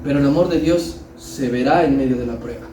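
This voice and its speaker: A man's voice: mid-range voice, fairly quick, dark tone, reverberant, recorded from a distance, a little hiss or hum, low-quality recording. A man preaching a sermon as pastor, building emphasis and acting out quotes.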